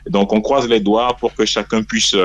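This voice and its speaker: A man, a press officer and newspaper head, answering a radio interview in a measured, hesitant way, calling in from abroad over the phone. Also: on the low side, level tone, no room sound, highs cut off. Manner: measured, hesitant, many "euh" fillers. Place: abroad, away from the studio.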